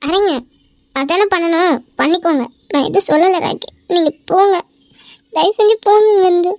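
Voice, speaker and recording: A woman voicing a jealous, emotional young wife in a cartoon, who pleads through tears and turns sharp and possessive. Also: extremely high pitch, normal speed, no room sound, clean studio sound. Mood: tearful, hurt. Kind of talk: amateur cartoon voice acting.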